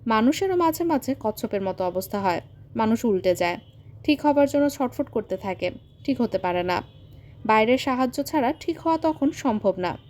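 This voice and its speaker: A woman voicing a stern young uncle who speaks gravely and earnestly in an audio story. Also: fairly high pitch, lively intonation, normal speed, darkish tone, lightly acted. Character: stern young uncle, calm but firm man.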